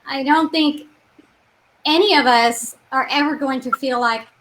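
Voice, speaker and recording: A woman's voice: high voice, unhurried, a bit bright, a little hiss or hum, poor audio. A middle-aged woman co-hosting a live online panel over a video call, friendly, reading out questions and laughing easily. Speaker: co-host of an online training panel.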